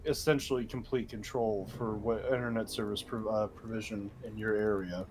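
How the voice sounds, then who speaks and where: A man's voice: fairly low pitch, fairly even intonation, normal speed, a little mellow, a little hiss or hum. A man in casual gaming chat, explaining things in an insistent, argumentative way. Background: game music.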